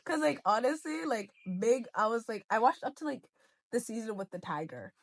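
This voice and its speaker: A woman's voice: fairly high pitch, very animated, normal speed. A young woman co-hosting a casual podcast, rambling and laughing as she chats. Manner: giggly, reactive, rambling. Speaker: podcast co-host. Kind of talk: casual chat.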